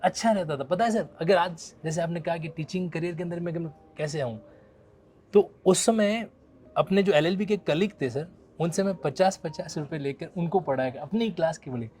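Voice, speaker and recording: A man's voice: on the high side, normal speed, darkish tone, a little hiss or hum. Respectful Indian man in his thirties. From Rajasthan, India. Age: 30s. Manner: respectful, frequently addresses the other as sir. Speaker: law educator. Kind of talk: casual conversation.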